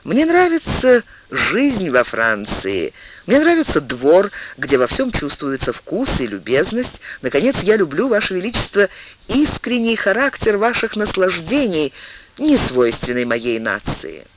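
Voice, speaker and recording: An impassioned young duke pleads his case, played by a male audiobook reader. The voice rides high and swings widely as he argues. His delivery stays earnest and emotional. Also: huge pitch swings, a little slow, a little hiss or hum, heavily acted, poor audio. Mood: pleading. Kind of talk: audiobook reading.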